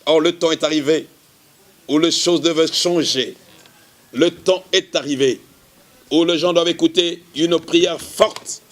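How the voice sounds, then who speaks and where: A male pastor giving a measured televised sermon, often repeating the same explaining phrase. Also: fairly high pitch, a bit bright. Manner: measured preaching, repeats "qui est en fait".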